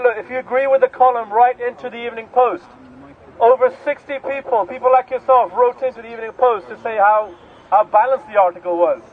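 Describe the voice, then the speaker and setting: A man's voice: extremely high pitch, a little hiss or hum. A man speaking at an outdoor street rally, impassioned, calling on the crowd. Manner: impassioned, leads chants. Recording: tinny lo-fi outdoor recording.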